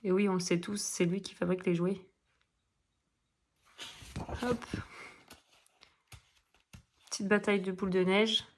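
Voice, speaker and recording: In this coloring vlog, a middle-aged woman talks casually at a measured pace, pausing often. Her pitch is medium and her intonation fairly even, and she rambles with many fillers and false starts against slight background noise.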